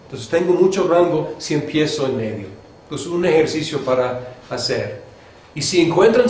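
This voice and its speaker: A man from Mexico teaching a seminary class on preaching, talking conversationally and showing pitch and pace changes with his own voice. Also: a little mellow. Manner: conversational, with fillers and restarts. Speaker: homiletics teacher. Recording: echoey lecture room with faint background noise.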